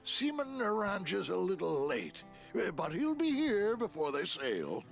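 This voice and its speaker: A gruff old fisherman of a dockmaster in a video game, salty and teasing. His gravelly, creaky voice sits a little high and swoops widely as he talks, over soft game music. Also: huge pitch swings, measured pace, exaggerated voice. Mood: matter-of-fact. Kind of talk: animated video game character acting.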